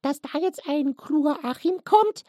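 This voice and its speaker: A woman's voice: high-pitched, animated, a little slow, dark tone, no echo, clean studio sound. A woman voicing a cheeky, clever male firefly who talks in a chatty, interrupting way in a homemade family radio play. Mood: insistent.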